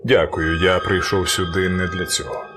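Man playing a gentle earnest doctor. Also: sits low, little pitch movement, normal speed, noisy background, lightly acted. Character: kind male doctor, devoted husband.

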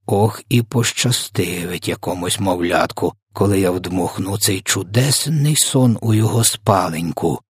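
Brief: man voicing a gentle old giant who twists his words, husky and swinging from hush to high alarm. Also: a little slow, hardly any pauses, no room sound, clean studio sound. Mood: hushed awe. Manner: garbled grammar and made-up words, swings from hushed whisper to shrill wailing. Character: huge kindly old male giant who mangles words. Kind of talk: audiobook character voice.

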